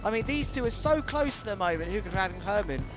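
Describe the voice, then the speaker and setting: Enthusiastic high-voiced male co-commentator. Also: animated, fast, music in the background. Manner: enthusiastic, analytical. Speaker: co-commentator and presenter. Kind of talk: live sports commentary.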